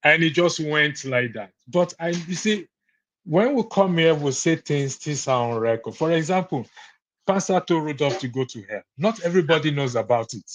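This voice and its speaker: This Nigerian caller, pitched on the high side, speaks at a normal pace with animated energy. He's phoning into a live show's heated debate and is adamant that his point be on record.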